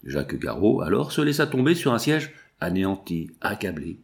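Un homme qui lit un roman à voix haute, de manière posée et expressive. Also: male voice, low voice, normal speed. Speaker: lecteur de livre audio. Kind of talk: narration de roman lue.

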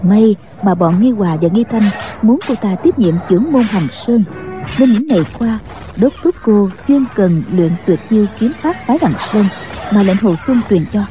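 Dark-voiced woman narrating a martial-arts tale. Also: mid-range voice, expressive, moderate pace, faint music behind. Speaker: audiobook narrator.

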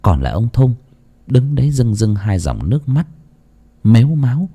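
A man narrating a village horror story in an expressive, dramatic way, dropping to hushed lows and rising for emphasis. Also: moderate pace, husky. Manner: expressive, swings between hushed low and raised tones.

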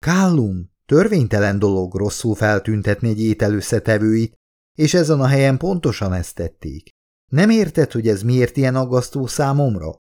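A man's voice: mid-range voice, very animated, a little mellow, natural voice. A man reading an audiobook, voicing a fiery, stubborn young vegan woman who lectures indignantly. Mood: agitated.

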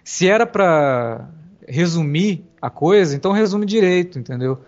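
High-voiced blunt Brazilian man. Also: expressive, moderate pace, darkish tone. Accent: Brazilian Portuguese. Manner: blunt, dismissive, argumentative. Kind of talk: heated casual film discussion. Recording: dull lo-fi recording.

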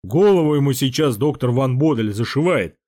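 A man voicing an agitated elderly prince who shouts in a cracking voice, in an audiobook. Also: medium pitch, expressive, moderate pace, natural voice. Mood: worried. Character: agitated elderly Russian prince, old friend. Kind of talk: audiobook character voice.

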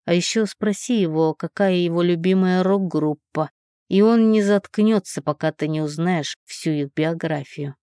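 Женщина озвучивает приветливого болтливого парня. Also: female voice, fairly low pitch, normal speed, clean tone, dry recording, studio quality, natural voice. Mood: confiding. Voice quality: hushed, confiding. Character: friendly young man, curious, chatty. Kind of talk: audiobook character voicing.

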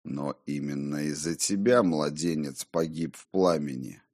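A man voicing a ghostly male double, a conscience that speaks low, hushed, calm and taunting, in an audiobook. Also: a little slow, exaggerated voice. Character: eerie whispering male double, his conscience. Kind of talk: audiobook character voice.

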